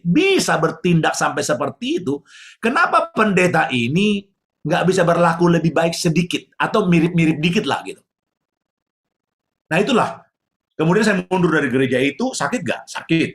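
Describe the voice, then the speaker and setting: A man's voice: a little high, sing-song, normal speed, a bit bright. A man preaching a sermon as pastor, emotive, posing questions and answering them himself.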